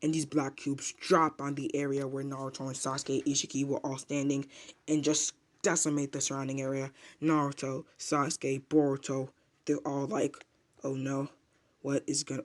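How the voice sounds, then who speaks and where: A man casually retelling a manga chapter as a reviewer, rambling with filler words and restarts. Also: medium pitch.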